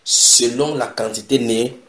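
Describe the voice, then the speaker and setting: A man preaching a sermon in an animated way, repeating key phrases for emphasis. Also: mid-range voice, unhurried. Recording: echoey room.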